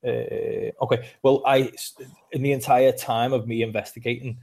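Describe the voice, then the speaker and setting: Speaking at normal speed with medium pitch, little pitch movement, vocal fry, and a slightly mellow quality, a man from England with a Liverpool accent co-hosts a laid-back podcast. He's a chatty storyteller who swears from time to time.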